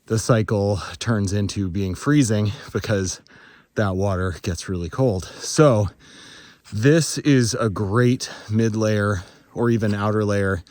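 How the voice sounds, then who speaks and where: A man's voice: fairly low pitch, darkish tone, no room sound. A man casually narrating a winter hike and gear review in a plain-spoken way, talking outdoors while out on a snowy mountain trail. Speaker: hiking vlogger. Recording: noisy outdoor ambience around the voice.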